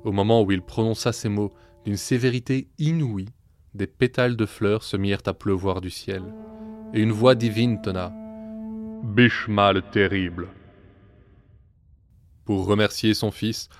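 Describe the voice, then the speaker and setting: A man telling a myth as a storyteller in measured, scripted narration. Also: lowish voice, darkish tone, faint music behind.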